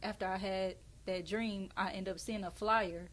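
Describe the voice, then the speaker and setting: A woman's voice: mid-range voice, fairly even intonation, moderate pace, fairly bright tone. A woman hosting a podcast, chatting casually and telling her own story expressively. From Houston area. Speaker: podcast host. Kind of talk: casual interview chat.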